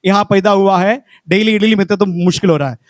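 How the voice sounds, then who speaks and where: Male pastor, fifties, very high voice, dry close sound, fervent sermon delivery. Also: brisk, dry recording. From Kerala, India. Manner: animated storytelling that rises to fervent exhortation.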